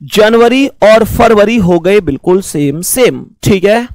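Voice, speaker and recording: A man teaching a math lesson, explaining slowly, repeating points and calling his students fondly. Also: high voice, expressive, darkish tone, dry recording.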